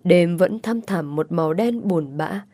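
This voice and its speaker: Brief: female audiobook narrator, measured emotive reading, dry close sound. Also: on the low side, mellow, dry recording. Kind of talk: scripted story narration.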